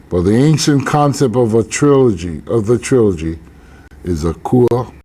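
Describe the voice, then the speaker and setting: An older man from Hawaii, an elder teaching about tradition in a slow, measured way with deliberate pauses. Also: fairly low pitch, dark tone.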